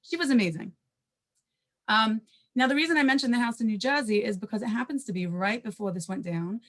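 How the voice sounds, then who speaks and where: A woman on a panel telling a personal story, talking quickly and conversationally, with asides and self-corrections and Hebrew terms mixed in. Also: fairly high pitch, fairly bright tone.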